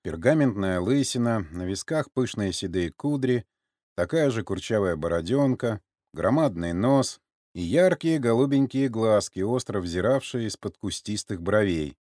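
A man's voice: on the low side, lively intonation, normal speed, a little mellow, dry recording, studio quality. A man reading an audiobook as narrator, telling the story steadily.

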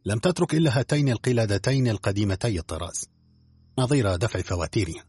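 A man's voice: lowish voice, animated, fast, darkish tone, breathy edge, no room sound, faint music behind. A man reading an audiobook, voicing a burly male swindler who talks in a fawning, cool and evasive way. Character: smooth-talking burly bald male swindler.

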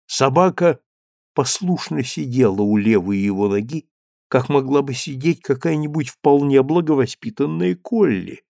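Man narrating an audiobook, lively delivery. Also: medium pitch, normal speed, vocal fry, no room sound, studio quality. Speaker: reader.

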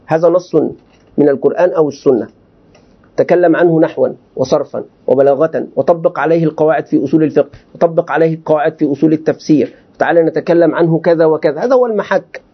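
A sheikh teaching a class with a high, quick voice, firing questions at his students and answering them himself. The recording sounds dull and lo-fi. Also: husky. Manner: animated, questioning students rhetorically. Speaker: sheikh teaching Quranic commentary. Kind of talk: classroom lecture.

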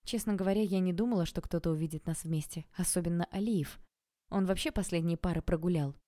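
A woman's voice: lowish voice, fast talker, warm tone. A woman narrating a first-person audiobook expressively, acting out the dialogue.

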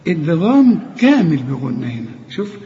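A man with an Egyptian accent teaching Quran recitation, explaining each rule step by step and then chanting the words slowly. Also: on the high side, very animated, dark tone, a little hiss or hum. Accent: Egyptian Arabic. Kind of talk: tajweed lesson with chanted examples. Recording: dull lo-fi recording with long reverb.

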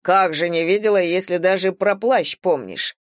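A woman voicing a stern middle-aged male police captain in an audiobook, speaking slowly and deliberately. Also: on the low side, dry recording, natural voice. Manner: dry, slow, deliberate. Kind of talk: audiobook character voice.

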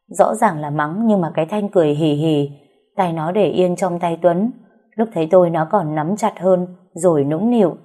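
A woman narrating a story in the first person, calm and even. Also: lowish voice.

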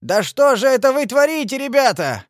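A man's voice: huge pitch swings, a little slow, husky, no echo, studio quality, full character voice. A man voicing a fussy, owlish old bald man who shrilly protests from a window in a storybook reading. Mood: indignant. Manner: shrill and pleading.

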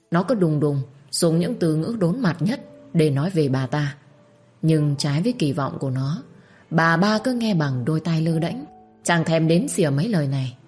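A woman narrating a dramatic story in a steady storytelling manner. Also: deep voice, husky. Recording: faint background music.

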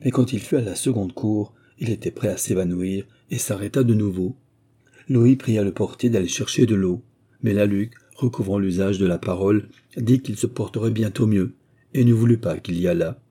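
A man narrating a classic novel as an audiobook, reading in a measured, steady way. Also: lowish voice, husky.

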